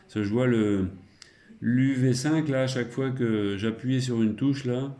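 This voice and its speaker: In an unhurried, medium-pitched voice with a dark tone, a middle-aged amateur radio operator chats colloquially, chuckling and dropping trailing tag words. The sound is roomy, with an echo.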